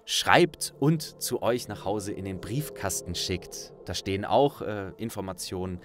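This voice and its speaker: A man who hosts and narrates an audiobook project speaks casually and directly to his listeners, thanking them. His voice is low, with lively intonation and an unhurried pace, heard over music.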